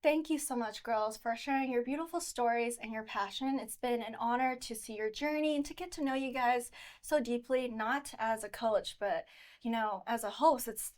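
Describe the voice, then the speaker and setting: High-voiced, encouraging woman host. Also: moderate pace, a little mellow. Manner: encouraging, effusive. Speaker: host and pageant coach. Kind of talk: interview hosting.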